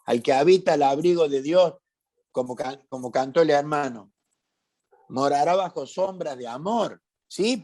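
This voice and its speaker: A man's voice: fairly high pitch, a little mellow. A man from Córdoba with a Cordobese Argentine accent, preaching a sermon to his congregation, emphatic and full of rhetorical questions and repeated phrases. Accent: Cordobese Argentine Spanish. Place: church meeting hall.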